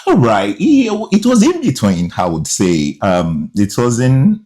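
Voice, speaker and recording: Deep-voiced man telling his story. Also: slow pace. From Nigeria. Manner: lively storyteller with local slang. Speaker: guest. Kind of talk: casual interview storytelling.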